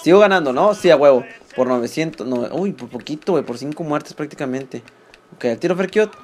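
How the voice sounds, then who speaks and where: A man's voice: fairly high pitch, animated, fairly quick, darkish tone. A man with a Mexican accent giving rowdy, playful commentary over a match, breaking into yelps and slangy exclamations. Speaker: gaming commentator. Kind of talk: excited let's-play commentary.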